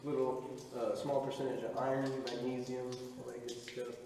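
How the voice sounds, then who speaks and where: A male tour guide talks informally, explaining as he goes with some casual hesitation. His voice rings with long, heavy cave reverb. He is picked up from far off through clearly audible noise. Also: mid-range voice, little pitch movement, normal speed, dark tone. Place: inside a cave. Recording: very echoey cave, distant mic, noisy.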